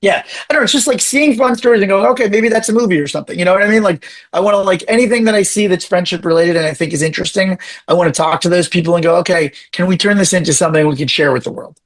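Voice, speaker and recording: Talking as a guest on a podcast, this man sounds raspy and a little high-pitched for a male. He's energetic, firing off quick bursts of speech and often starting his sentences over.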